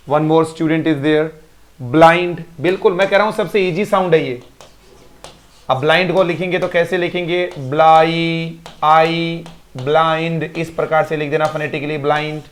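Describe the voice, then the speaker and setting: A male teacher in a live online class, repeating words to drill pronunciation and praising students by name. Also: fairly high pitch. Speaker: English teacher.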